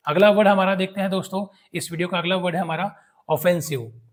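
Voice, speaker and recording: A young man teaching English vocabulary, reading each example sentence slowly and twice before explaining it. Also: sits high, fairly even intonation. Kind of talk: vocabulary lesson.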